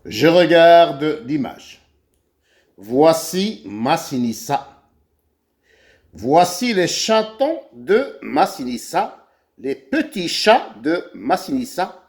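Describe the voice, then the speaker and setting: Spelling syllables out one letter at a time, a man gives a children's reading lesson as a primary school teacher, his accent Algerian French. He speaks very slowly in a slightly high, slightly mellow, sing-song voice.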